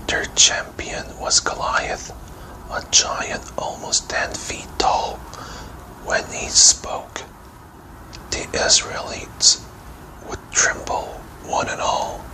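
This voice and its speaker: A man reads a children's fairy tale style bedtime story entirely in a breathy whisper. His delivery is very slow and gentle, with measured rhymed phrases in a soft ASMR manner. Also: poor audio.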